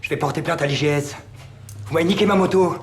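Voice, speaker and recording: A man's voice: fairly high pitch, a little hiss or hum, natural voice. An actor playing a defiant, foul-mouthed young male suspect under questioning in a crime TV drama. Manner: insolent, mocking, quick to shout.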